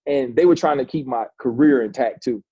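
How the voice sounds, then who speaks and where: A man's voice: mid-range voice, brisk, warm tone, muffled recording. A man in his forties, a former football player, telling a long personal story in a casual interview, talking loosely with many restarts and calling the host "bro".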